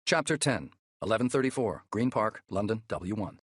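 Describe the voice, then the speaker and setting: A man narrating a thriller audiobook in a measured, steady way, close to the mic. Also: fairly low pitch, husky, no room sound.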